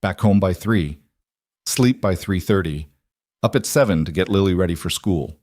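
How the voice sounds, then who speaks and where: A man reading a scripted story in a calm, measured, soft-spoken way. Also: deep voice, a little hiss or hum.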